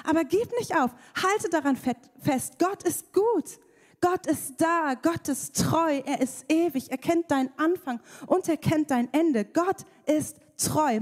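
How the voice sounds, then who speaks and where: Woman preaching in a reverberant hall. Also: high voice. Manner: lively, playful preaching with acted-out voices. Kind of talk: sermon.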